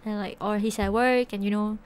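Here the Singaporean streamer's voice sits mid-range with a steady tone and a slightly fast pace, with slight background noise in the recording. She's a young woman with a Singaporean English accent, chatting casually with viewers on a live stream from her small bedroom via a desk microphone and headset. She giggles a lot and often leaves sentences unfinished.

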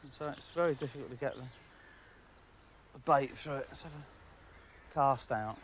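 A middle-aged man giving outdoor fishing commentary from a lakeside jetty, excitable, laughing often and talking to the fish. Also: mid-range voice, normal speed, a little hiss or hum. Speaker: angling presenter.

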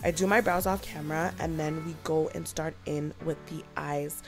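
Young woman, lowish pitch, casual tutorial narration, informal and chatty, faint music behind. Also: fairly even intonation, moderate pace. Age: young adult. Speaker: beauty vlogger.

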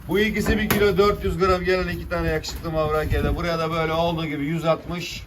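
A man's voice: on the high side, flat delivery, fast. A man working as a fish auctioneer, calling out weights and prices to buyers in repetitive formulas. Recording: distant mic, loud vehicle and handling noise.

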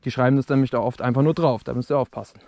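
Talking very fast with vocal fry, this young man's mid-range voice stays steady and dark as he casually reviews fireworks for his viewers, speaking straight to them. It's dusk on open dirt ground, filmed with an action camera, and there's slight background noise.

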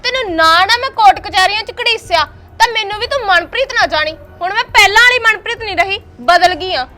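A woman playing a defiant sharp-tongued wife. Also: very high voice, animated, brisk, heavily acted. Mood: angry, defiant. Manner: sharp-tongued, scolding, taunting. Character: defiant young wife, housemaid, fed up with her husband. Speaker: actor in a short film.

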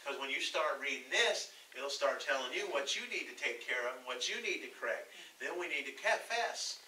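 A man with a Texan accent preaching a sermon as pastor, folksy in manner, reading scripture slowly and drawing answers from the congregation. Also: medium pitch, expressive, sharp tone, slight background noise. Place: church sanctuary. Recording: echoey church from far off.

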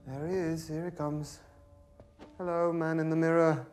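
A man's voice: a little high, flat delivery, normal speed, darkish tone, soft background music, natural voice. An actor playing a nervous, rambling young Englishman who stammers and talks to himself. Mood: flustered. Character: nervous, rambling English museum worker, man.

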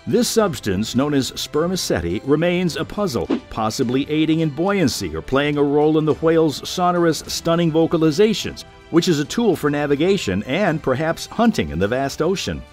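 Animated male nature documentary narrator over music. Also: fairly high pitch, normal speed, few pauses. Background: background music.

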